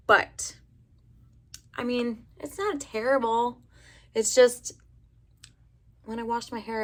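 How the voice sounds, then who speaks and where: A young adult woman from the United States with a raspy voice, rambling chattily through a casual hair color review. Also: medium pitch. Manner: rambling, chatty, many fillers. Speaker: beauty vlogger.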